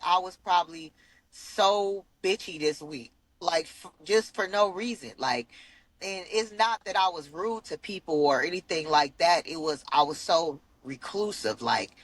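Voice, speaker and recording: A woman's voice: fairly low pitch, fairly bright tone, no room sound. A woman co-hosting a podcast in casual chat, candid and venting, swearing freely. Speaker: podcast co-host.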